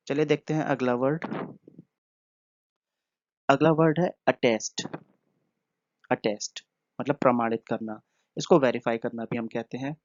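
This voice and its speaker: A man who is teaching vocabulary in a casual, unhurried way, pausing often and using fillers as he explains. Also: medium pitch, darkish tone, dry recording. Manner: explains slowly with many pauses and fillers. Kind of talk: casual spoken vocabulary lesson. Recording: dull, dry, lo-fi voice-over.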